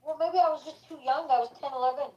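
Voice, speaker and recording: High-voiced emphatic woman in her forties. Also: fast talker, a little mellow, highs cut off. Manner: emphatic, repeats herself for stress. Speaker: panelist. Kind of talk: casual live discussion.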